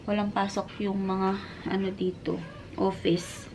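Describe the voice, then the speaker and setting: Slow-talking woman in her thirties. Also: medium pitch, little pitch movement, a little hiss or hum. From Philippines. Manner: chatty, mixes English into her talk, coos gently to her child. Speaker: family vlogger, mother. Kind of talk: casual vlog chat.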